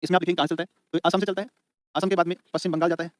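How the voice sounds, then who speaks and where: With a high voice and flat delivery, a man races through an exam-prep lecture, repeating each point repeatedly so students can copy it down. He's colloquial, calling them beta and bhai. The recording is dry and studio-clean.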